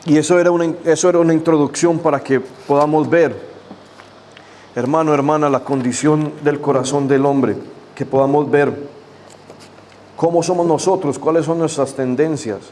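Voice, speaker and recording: A pastor leads a church service, first praying fervently with repeated invocations and then sharing a personal testimony in a loose, conversational way. His voice is fairly high and darkish, with a steady tone and moderate pace, over slight background noise.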